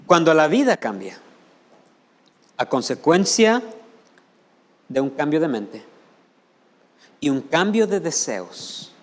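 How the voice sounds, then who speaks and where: In a church sanctuary with long hall reverb, a male pastor from the United States preaches a sermon in Spanish. His voice is on the high side with big pitch swings, and he takes it slowly, pausing often. He fires rhetorical questions at the congregation and imitates people's voices.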